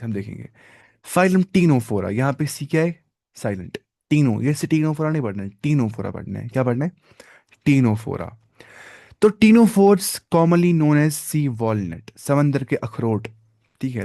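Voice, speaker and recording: A man's voice: medium pitch, no echo. Guy teaching a live class, quizzes the class then answers himself, dry sound. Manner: lively, asks the class questions and answers them himself. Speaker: biology teacher. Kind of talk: live online lesson.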